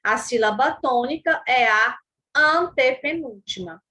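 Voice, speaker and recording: Brazilian lady teacher, high voice, reeeally slow and deliberate, keeps asking "tá?". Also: lively intonation, pushed and bright. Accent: Brazilian Portuguese. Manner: slow, deliberate, checks understanding with "tá?". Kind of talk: recorded school lesson.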